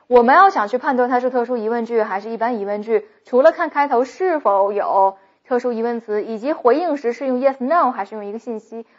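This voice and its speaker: Woman teaching english pronunciation, fairly high voice, kinda muffled lo-fi sound, drills sentences slowly. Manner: explains briskly, slows down to model English sentences. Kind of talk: recorded pronunciation lesson. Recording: muffled lo-fi recording.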